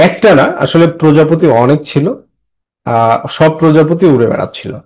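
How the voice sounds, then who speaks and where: A man with a Bengali accent teaching an English lesson, reading phrases slowly and repeating them with explanations. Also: fairly high pitch, darkish tone, poor audio. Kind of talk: bilingual classroom lesson.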